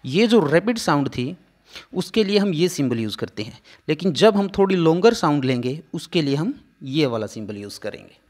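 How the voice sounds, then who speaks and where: A man's voice: on the high side, sing-song, moderate pace, a little mellow. A man teaching a phonetics lesson, explaining patiently step by step.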